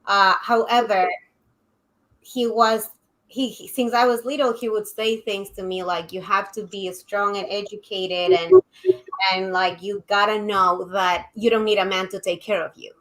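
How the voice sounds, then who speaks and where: A woman's voice: mid-range voice, a little slow, fairly bright tone, rough recording. A woman from Ecuador, a guest on a live interview, earnestly telling her family story with a few fillers. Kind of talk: candid personal storytelling.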